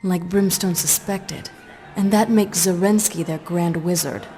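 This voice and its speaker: Low-voiced sardonic half-vampire Rayne played by a woman. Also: steady tone, measured pace, warm tone, close to an everyday voice. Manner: cool, wry, teasing. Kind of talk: video game cutscene acting.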